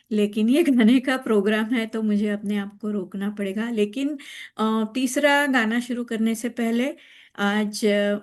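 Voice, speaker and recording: A woman hosts a song program at an unhurried pace, her voice at an everyday middle pitch. She talks in a chatty, reflective way, stopping often with fillers as she gathers her thoughts. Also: a little mellow. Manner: chatty, thoughtful, with frequent pauses. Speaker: show host. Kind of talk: casual hosting of a music program.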